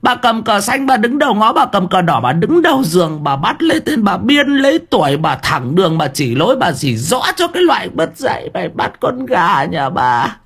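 Man putting on a shrill cursing village wife. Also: sing-song, moderate pace, hardly any pauses, fairly bright tone, slightly rough, exaggerated voice. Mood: furious cursing. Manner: rhythmic ranting curses. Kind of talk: audiobook story reading.

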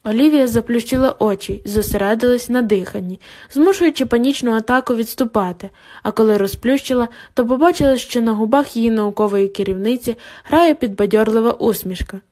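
A woman reading an audiobook in measured, scripted storytelling narration. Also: on the high side, dark tone.

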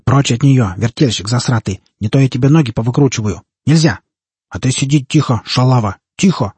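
Man doing a furious barking tracker, raised, husky. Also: medium pitch, brisk, dark tone, no room sound, lightly acted. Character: angry sputtering male tracker.

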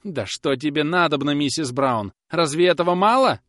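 A man's voice: on the high side, expressive, normal speed, no room sound, studio quality, voice pushed up, natural voice. A man doing a whining, desperate young lad. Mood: evasive. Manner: whining, pleading. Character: nervous young male knife-grinder, desperate and pleading.

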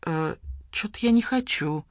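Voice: mid-range voice, animated, a little slow, slightly rough, no echo. A reader voicing a confused young woman who protests and groans, close to the reader's own voice. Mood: indignant. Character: bewildered, indignant young woman.

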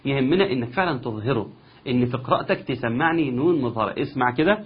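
A man with an Egyptian accent teaching Quran recitation, explaining each rule step by step and slowly chanting example verses. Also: medium pitch, expressive, breathy edge. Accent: Egyptian Arabic. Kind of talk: recitation lesson. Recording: dull lo-fi sound.

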